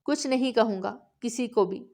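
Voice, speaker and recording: A woman narrator voicing a gentle young man who cares for a girl, speaking softly and coaxingly in an audiobook. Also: on the high side, lightly acted. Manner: soft, coaxing.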